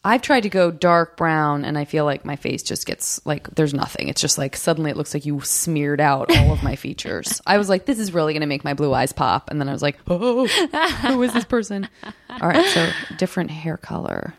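A woman hosts a podcast in a smoky, raspy voice pitched a little low. Her style is casual and chatty, with plenty of encouraging repeated affirmations. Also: a little fast, few pauses. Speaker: podcast host. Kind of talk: casual chat.

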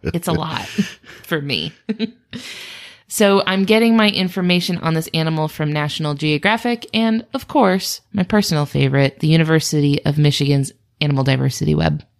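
Chatty woman podcast host, slightly low voice. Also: moderate pace, vocal fry. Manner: chatty, playful, dry jokes. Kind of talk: casual podcast chat.

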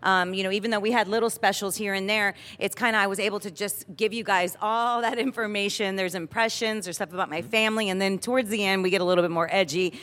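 A woman's voice: medium pitch, steady tone, quick pace, few pauses, a bit bright. A woman from Miami with an American accent, chatting casually as a comedian guest in an interview. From Miami, United States. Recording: reverberant hall.

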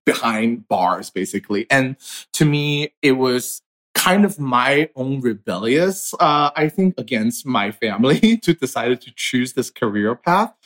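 A man in his thirties from China speaks at a middle pitch. He tells his story earnestly, with many fillers, in a casual chat. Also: expressive, a little slow, a bit bright. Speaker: artist and designer. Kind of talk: casual conversation.

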